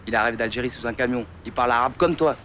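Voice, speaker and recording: A man's voice: mid-range voice, quick pace, fairly bright tone, a little hiss or hum, close to an everyday voice. An actor playing a brusque young man who scolds a friend in a film scene. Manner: brusque, matter-of-fact. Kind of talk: film acting.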